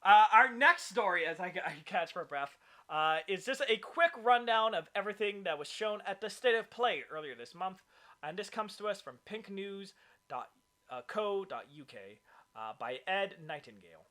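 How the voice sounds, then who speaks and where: Bright-voiced excitable male podcast host. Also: sits high, normal speed. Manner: rambling, filler-heavy, excitable. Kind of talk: casual chat.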